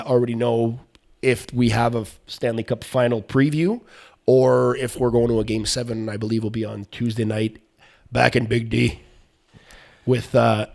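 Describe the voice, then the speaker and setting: A man's voice: medium pitch, darkish tone. A man hosting a podcast, chatting casually about sports in a loose, rambling way that drifts between topics. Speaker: podcast host.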